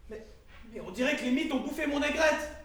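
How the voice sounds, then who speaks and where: A man's voice: extremely high pitch, animated, a little fast, a bit bright. A man playing a vain, pompous, easily offended general in a stage comedy, declaiming his lines. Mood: vain, indignant. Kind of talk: comic stage theatre acting. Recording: echoey hall from far off, faint noise.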